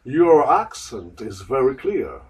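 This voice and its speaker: A man slowly and carefully repeating lines for a language lesson. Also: medium pitch, very animated, distant mic, poor audio. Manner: slow, careful, repetitive. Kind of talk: slow repeat-after-me drills.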